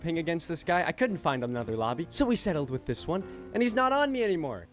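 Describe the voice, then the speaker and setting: A man's voice: on the high side, sing-song, fast talker, a bit bright, soft background music. A young man giving crude, self-mocking commentary over a video game while losing his voice. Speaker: gaming YouTuber. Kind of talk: casual gameplay commentary.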